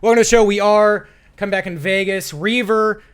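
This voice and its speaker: A man's voice: high voice, fairly even intonation, moderate pace, fairly bright tone, clean tone. Rambling talk-show host, a man. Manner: rambling, many fillers and restarts. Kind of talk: live-streamed talk show chat.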